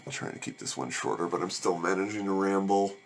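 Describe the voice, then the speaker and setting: Man, low voice, sarcastic, tired, rambling movie review. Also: brisk, gravelly, slight background noise. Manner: sarcastic, weary and annoyed.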